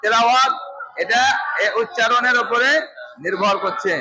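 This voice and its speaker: A man's voice: very high-pitched, normal speed, noisy background. A man teaching a Quran class, instructive, repeating points and quizzing his students. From Bangladesh. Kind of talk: teaching a class, drilling letters.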